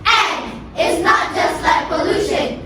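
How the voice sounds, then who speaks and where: High-pitched young chorus chanting in unison, echoey hall. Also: expressive, slow, a loud crowd. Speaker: choral speaking group performers. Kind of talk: choral speaking performance, recited in unison. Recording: very noisy echoey hall, distant mic, audience noise.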